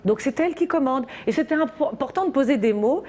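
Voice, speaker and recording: A woman on a radio show, telling a parenting story in an animated way and acting out a little girl's voice. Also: sits high, fast. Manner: animated storytelling, acts out a child's voice. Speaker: parenting columnist.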